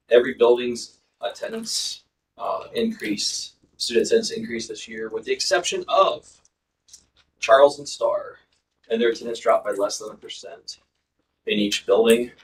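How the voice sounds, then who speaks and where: A school district administrator presents test and attendance data at a school board meeting, speaking informally and full of ums and uhs. His medium-pitched voice is unhurried, picked up by a distant microphone in the meeting room with a little hiss or hum.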